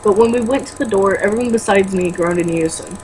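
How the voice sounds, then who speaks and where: Her voice is medium-pitched and a little mellow, and she reads fast, with a bit of hiss or hum in the audio. As an amateur reading a novel aloud, she occasionally stumbles over words and interrupts herself with blunt, mocking, casual commentary full of swearing.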